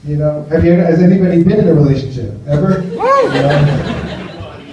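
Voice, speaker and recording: A fifties-aged American comedian runs a rambling, self-deprecating set in a small cafe, engaging the audience as he goes. He speaks at a moderate pace in a sing-song voice on the high side, recorded live from a distance in a roomy, muffled space.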